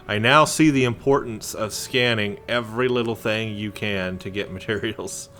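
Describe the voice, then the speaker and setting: A gameplay commentator gives casual, jokey let's play commentary, reading on-screen text aloud as he plays. His voice is on the low side with a sharp tone and normal speed, and there's a little hiss or hum in the background.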